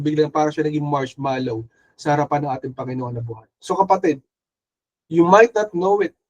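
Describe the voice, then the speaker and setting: A man's voice: a little high, a little mellow, poor audio. A man with a Filipino accent, preaching an earnest, urging sermon that mixes English and Filipino. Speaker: pastor.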